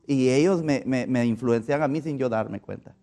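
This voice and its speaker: A man's voice: mid-range voice, normal speed, dark tone. A man from Guatemala with a Guatemalan Spanish accent, giving a conversational sermon in an earnest way and often repeating words as he looks for them. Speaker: preacher.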